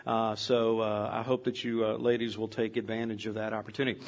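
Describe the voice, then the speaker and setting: A man's voice: lowish voice, flat delivery, fairly quick. An older man preaching as a pastor, telling stories in a rambling, conversational way. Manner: rambling, with many fillers and restarts; storytelling, conversational. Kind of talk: sermon.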